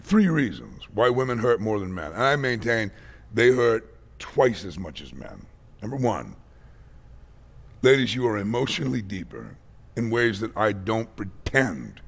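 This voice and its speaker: A man's voice: on the low side, big pitch swings, a little slow, gravelly, husky. A male pastor preaching a blunt, dramatic, emphatic sermon at a conference. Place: conference hall.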